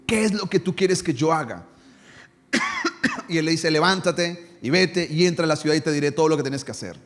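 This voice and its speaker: Male pastor, sermon delivery, rhetorical questions, hushed low prayers, slightly high voice, reverberant hall. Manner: preaches with rhetorical questions, dropping low and quiet on quoted prayers. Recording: long reverb in a church hall.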